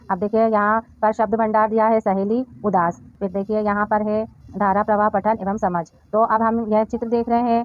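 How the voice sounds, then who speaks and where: A woman teacher slowly working through a children's workbook, sounding out syllables one by one and addressing the children. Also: on the high side, narrow, tinny audio. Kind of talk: slow classroom explanation.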